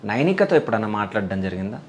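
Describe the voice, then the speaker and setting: A woman interviewer asks short, prompting questions. Her voice is very low, but it rises and falls a great deal. She keeps the conversation moving with brief acknowledgements. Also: big pitch swings, racing, darkish tone, a little hiss or hum.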